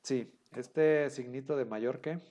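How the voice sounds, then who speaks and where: A man's voice: medium pitch, slow, dark tone. A man explains a rule to his students, going over it again and again. He talks patiently, with plenty of fillers and small restarts. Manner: patient, repeats rules, many fillers. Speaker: Hebrew teacher. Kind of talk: online class explanation.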